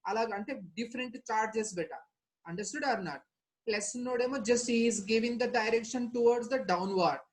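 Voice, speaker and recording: Fast-talking Telugu Indian woman teacher. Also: on the high side, poor audio. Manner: instructive, repetitive, frequent question tags. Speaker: chemistry teacher. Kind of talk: interactive lesson with repeated check questions.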